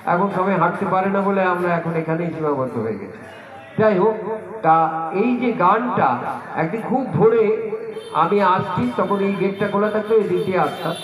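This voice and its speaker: A man's voice: high voice, expressive, normal speed. A man leading an outdoor yoga and meditation camp, guiding a group step by step and mixing in a personal story. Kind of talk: spoken instruction to a group. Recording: echoey, crowd murmur behind.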